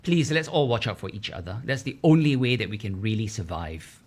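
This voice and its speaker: A man's voice: lowish voice, very animated, brisk, a little mellow. A man speaking as a talk show panelist, giving earnest commentary and urging listeners on. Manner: earnest, exhorting.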